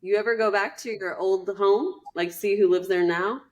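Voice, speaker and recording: A woman's voice: medium pitch, steady tone, normal speed, a little mellow, muffled recording. A woman co-hosting a casual podcast, curious and sympathetic, asking lots of questions. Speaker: podcast co-host.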